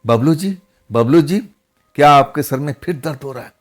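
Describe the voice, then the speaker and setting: A man voicing a gentle ghostly young woman who fusses over him like a wife, speaking in a soft, coaxing way and repeating herself, with faint music behind. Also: fairly high pitch, moderate pace, lightly acted. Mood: soothing.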